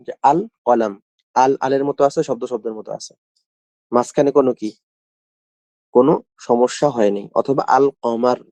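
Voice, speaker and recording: A man's voice: medium pitch, dark tone, no echo. A man teaching an Arabic class. He repeats key phrases and asks the class questions. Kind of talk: classroom lesson.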